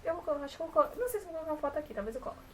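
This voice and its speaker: A woman's voice: high-pitched, lively intonation, very fast, darkish tone, distant mic, slight background noise, low-quality recording. Chatty young Brazilian woman vlogging. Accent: São Paulo coast Brazilian Portuguese. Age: 20s. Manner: chatty, rambling, self-correcting. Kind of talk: casual to-camera vlog.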